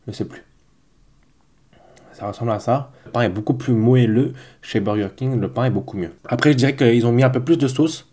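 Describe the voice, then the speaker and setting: This man's mid-range voice is warm and a little fast, though a cold has left it stuffy and nasal. He's at home presenting a mukbang food review vlog, talking casually and somewhat hesitantly to the camera.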